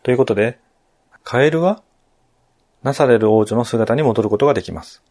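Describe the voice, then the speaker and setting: Male narrator, polite game walkthrough with asides, mellow and dark in tone. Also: mid-range voice, fairly quick, a little hiss or hum.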